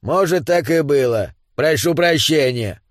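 A man voicing a grumpy, touchy male gnome miner with an indignant, shouty way of talking in a storybook reading. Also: a little high, animated, a little slow, dry recording, studio quality.

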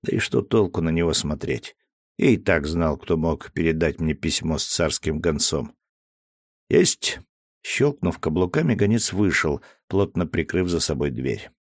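A man reading a first-person story aloud in steady, measured scripted narration. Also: rumbling low, no room sound, clean studio sound. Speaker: audiobook narrator.

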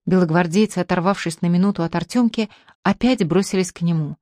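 A woman narrating a novel as an audiobook in a steady, measured, dramatic way. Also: lowish voice, no echo, clean studio sound. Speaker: audiobook reader.

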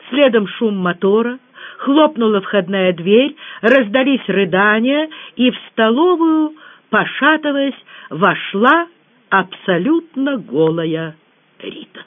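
An audiobook reader telling a novel aloud with expressive delivery. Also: mid-range voice, slow. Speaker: audiobook narrator. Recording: tinny phone-like audio.

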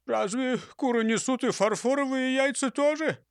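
A man's voice: very high voice, normal speed, smooth, dry recording, clean studio sound, voice pushed up. A man playing a whiny clumsy robber. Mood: baffled. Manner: plaintive, sobbing complaints. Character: clumsy whiny male robber, easily upset. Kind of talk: audiobook character voice.

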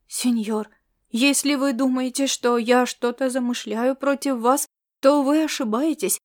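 A woman's voice: high-pitched, fairly even intonation, a little slow. A woman voicing a flustered, anxious old male servant in an audiobook story. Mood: pleading. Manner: flustered, pleading.

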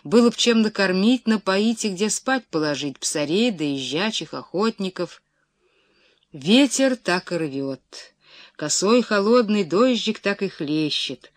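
A woman narrating a classic novel in a measured, expressive storytelling manner. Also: mid-range voice, dry recording. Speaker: audiobook narrator. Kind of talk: scripted literary narration.

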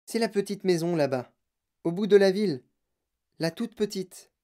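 A man's voice: animated, normal speed, warm tone. A man doing a small eager boy. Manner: eager, pleading, raised childish pitch. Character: poor kind young boy.

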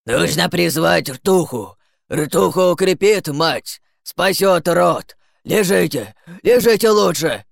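Shrieking goblin shaman for an audiobook, gravelly and high, slow barked orders. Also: expressive, no echo, heavily acted. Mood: ranting. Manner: barking slow commands. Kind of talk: audiobook character voice.

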